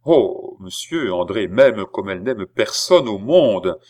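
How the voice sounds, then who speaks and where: A man's voice: fairly low pitch, animated, takes it slowly, darkish tone. A man reading an audiobook, voicing a desperate young nobleman who pleads in impassioned bursts. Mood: pleading. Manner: impassioned, sobbing pleas.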